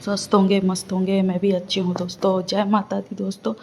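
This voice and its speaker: A woman's voice: mid-range voice, completely flat delivery, brisk, noisy background. A woman reaction vlogger talking to her viewers in casual commentary, chatty and scolding by turns.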